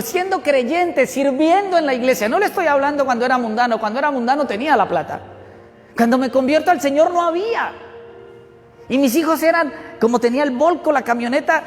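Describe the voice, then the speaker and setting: Middle-aged man, pastor, high-ish voice, dramatic sermon delivery, reverberant church hall. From Colombia. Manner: animated storytelling, swings from loud to hushed. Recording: church hall reverb with faint room noise.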